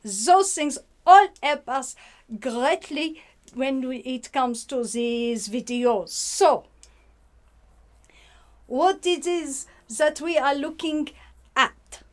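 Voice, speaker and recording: Lady chatting about books, high voice, takes her time, lots of uhs and little words. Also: lively intonation. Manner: sprinkles French words, halting with many fillers. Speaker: book reviewer host. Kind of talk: casual book review vlog.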